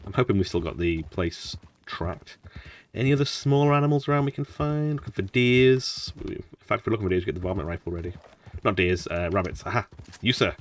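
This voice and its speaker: Male gaming streamer, low voice, chatty and rambling, slightly distant mic. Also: animated, fairly quick, slight background noise. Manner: rambling, chatty, laughs often. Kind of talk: casual gameplay commentary.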